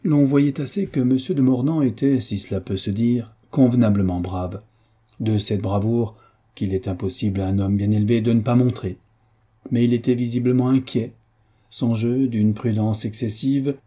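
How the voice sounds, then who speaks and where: Husky, low-voiced male reader for a classic novel, measured narration. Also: dark tone. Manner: measured literary reading. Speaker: audiobook reader. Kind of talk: scripted narration.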